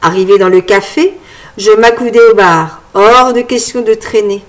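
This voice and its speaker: A woman reading a first-person novel aloud as an audiobook narrator, in a lively, wry storytelling manner. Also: mid-range voice, normal speed.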